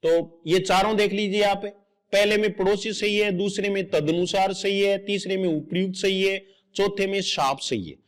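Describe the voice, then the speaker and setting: A man with a high voice gives a grammar lesson for exam students. He explains patiently, step by step. He repeats each correct spelling aloud so it sticks. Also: steady tone, moderate pace. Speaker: exam coaching teacher. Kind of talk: explanatory lecture.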